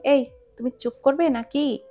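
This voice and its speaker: A woman reading a storybook romance aloud, voicing a hot-tempered young husband who scolds gruffly. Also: high-pitched, unhurried, mellow. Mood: angry.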